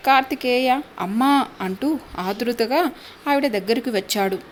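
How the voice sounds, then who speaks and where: Lady reading out a dramatic story, kinda high voice, faint hiss behind. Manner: dramatic storytelling, voicing each character. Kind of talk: scripted story narration.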